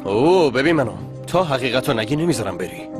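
A man's voice: mid-range voice, very animated, over music, lightly acted. A man dubbing a young husband who insistently demands answers from his wife. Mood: angry. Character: young husband, angry and suspicious. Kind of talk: TV drama dub.

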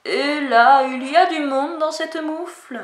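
Une femme fait la voix d'un gros ours brun gelé, qui parle lentement et lourdement. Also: female voice, high-pitched, unhurried, echoey room, voice pushed up. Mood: pleading. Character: big heavy brown bear, frozen.

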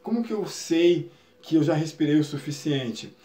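A man giving a calm, explanatory spiritual lesson on a live stream, often ending phrases with tag questions. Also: on the high side, normal speed, echoey room. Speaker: spiritual teacher.

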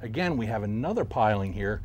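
A middle-aged man, a professional angler, calmly explaining his technique while fishing from a boat on a river, recorded outdoors on a lapel mic. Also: fairly low pitch, brisk. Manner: calm, explanatory, talks while casting. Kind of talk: instructional fishing commentary. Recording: faint outdoor noise.

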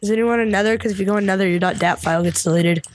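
A woman's voice: mid-range voice, rapid-fire, a little hiss or hum. Woman, fellow player, casual gaming chat, teasing, jokey.

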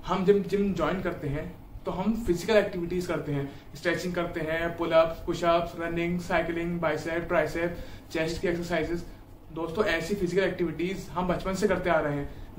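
A man's voice: on the high side, a little hiss or hum. A man in his twenties from India, giving earnest, encouraging fitness advice straight to the camera from a small room at home. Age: 20s. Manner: earnest, encouraging, addresses viewers directly. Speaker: fitness YouTuber. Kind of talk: casual advice talk to camera. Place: small indoor room at home, seated on a bed. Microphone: camera a few feet away. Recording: echoey room audio from a distant camera mic.

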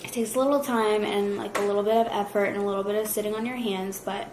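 A woman's voice: mid-range voice, fairly even intonation, fast, reverberant, noisy background. A young woman vlogging casually at home, chatty and full of fillers, nauseous and tired. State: nauseous, worn out. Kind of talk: casual vlog chat. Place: home kitchen.

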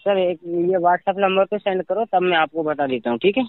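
A high-voiced man speaking at normal speed works a sales call for a company by phone, pushing insistently and saying the same things repeatedly. The telephone recording is tinny and narrowband, with a little hiss or hum.

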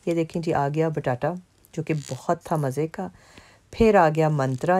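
A Pakistani woman with a low, dark-toned voice narrates her vlog over mall footage. She keeps it casual and chatty, dropping in lots of fillers.

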